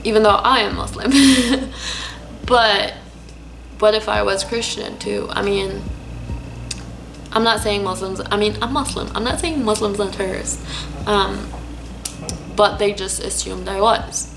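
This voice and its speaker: A young woman from Lebanon earnestly telling a personal story in a vlog, pausing often with hesitant fillers. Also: mid-range voice, steady tone, vocal fry, background noise. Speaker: vlogger. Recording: music playing behind.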